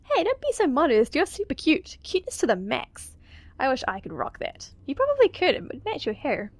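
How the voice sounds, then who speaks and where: A woman's voice: sits high, huge pitch swings, a little fast, vocal fry, no echo, full character voice. A woman voicing a chatty, teasing teenage girl in a visual novel game. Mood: gushing.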